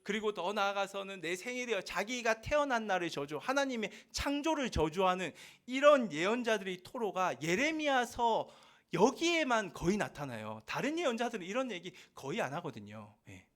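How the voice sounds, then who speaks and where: A man's voice: high-pitched, sing-song, normal speed, fairly bright tone. A man pastor preaching a sermon in an earnest, emphatic way over a video call, often affirming with a short yes.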